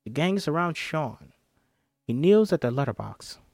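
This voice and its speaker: A man's voice: a little high, very animated, a little slow, creaky, a little mellow, no room sound, clean studio sound. A man reading screenplay stage directions aloud as an amateur narrator. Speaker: amateur script reader.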